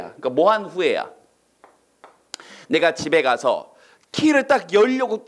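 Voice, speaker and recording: A man teaching an online English exam-prep lecture, firing quick questions at his students and acting out reactions with silly voices. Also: mid-range voice.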